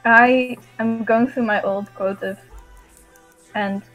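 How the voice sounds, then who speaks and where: Woman, casual stream chat, halting and giggly, slightly high voice, very slow talk. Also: fairly even intonation, lo-fi sound, soft background music.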